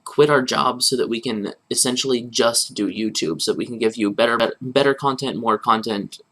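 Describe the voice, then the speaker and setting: A man's voice: mid-range voice, fairly quick, a bit bright. Easygoing man answering viewer questions. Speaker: co-host of a musical comedy channel. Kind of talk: casual live-stream chat.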